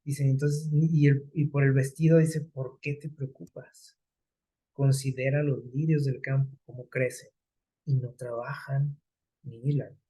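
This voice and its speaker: Male preacher, husky conversational sermon delivery, slows down for scripture quotes. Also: medium pitch, little pitch movement, mellow, low-quality recording. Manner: conversational, explains scripture with everyday examples and rhetorical questions.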